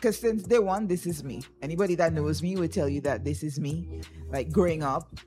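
A woman's voice: deep voice, brisk, music in the background. A woman, hosting a radio show in a casual, chatty style.

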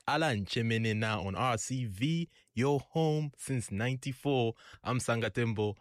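A man hosts a radio interview in a low, steady voice. He is upbeat and chatty as he asks his questions. The studio sound is dry and close. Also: no room sound. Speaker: radio host.

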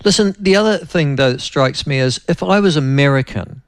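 A man's voice: fairly high pitch, expressive, fairly quick, dry recording. A man interviewing a guest, asking long, rambling questions. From New Zealand. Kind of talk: broadcast interview.

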